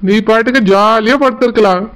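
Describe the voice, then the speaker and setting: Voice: mid-range voice, a little fast, fairly bright tone, clean tone, natural voice, poor audio. A voice actor playing a doting older village husband who soothes his wife with endearments, in southern Tamil Nadu village speech. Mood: coaxing. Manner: soothing, coaxing, repeats endearments.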